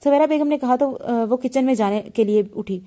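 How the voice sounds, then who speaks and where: A woman's voice: fairly high pitch, moderate pace, warm tone. A woman reading a romance novel aloud and voicing its characters herself, often stumbling and restarting her words. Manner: reads all the characters in a lightly shifted voice, with frequent slips and restarts. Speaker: novel reader.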